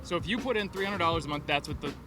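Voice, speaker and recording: A man in his thirties hosting a street interview outdoors on a city street, asking quick questions and running through numbers in an upbeat way. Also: fairly high pitch, over music. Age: 30s.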